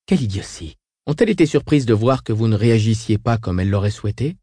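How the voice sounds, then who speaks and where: An icy, commanding female leader, read by a man in an audiobook, clipped and controlled. The dark, warm voice sits dry and close. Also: lowish voice, lively intonation, quick pace, slightly rough, dry recording. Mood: cold.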